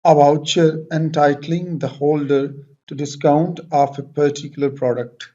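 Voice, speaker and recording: A man teaching English pronunciation, repeating each word several times in a deliberate way and switching between English and Hindi explanations. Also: a little high, level tone, dark tone, dull audio. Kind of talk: pronunciation lesson.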